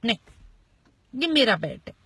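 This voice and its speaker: A woman voicing a stubborn, possessive little boy in a children's story, with a husky, whiny and insistent voice. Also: on the high side, very animated, unhurried, bright, forceful tone, dry recording, heavily acted.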